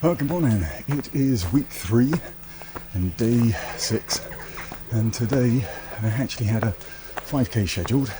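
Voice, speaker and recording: A man's voice: mid-range voice, measured pace. A British man chatting casually to camera as a running vlogger. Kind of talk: casual vlog chat to camera. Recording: noisy vlog recording with clicks.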